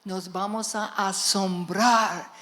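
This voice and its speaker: A woman pastor telling a story in a sermon to a church congregation, with animated delivery and emphatic calls to her listeners. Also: mid-range voice, takes it slowly.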